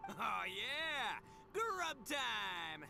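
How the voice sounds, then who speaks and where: A man's voice: extremely high pitch, big pitch swings, gravelly, pushed and bright, a little hiss or hum, full character voice. A man voicing a brash, good-hearted young gang boss in a video game, cocky and bombastic. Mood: excited. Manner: cocky, bombastic, drawn-out emphatic words.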